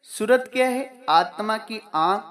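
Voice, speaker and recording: A man's voice: high-pitched, slow, a bit bright. A man giving a devotional sermon as a spiritual teacher, repeating key phrases and asking questions that he answers himself.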